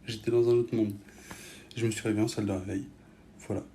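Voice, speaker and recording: Jeune Français au parler cru, son bruité. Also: male voice, on the low side, flat delivery, fast, dark tone, slight background noise. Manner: offhand, blunt, swearing. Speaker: vlogger filming stories for followers. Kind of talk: casual chat to camera, slangy.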